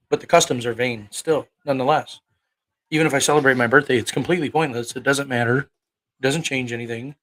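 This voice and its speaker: This online preacher, a man in his thirties, spars with livestream chat in a profane, confrontational way, peppering them with rhetorical questions. He has a medium-pitched, sharp-toned voice, a moderate pace, and long pauses.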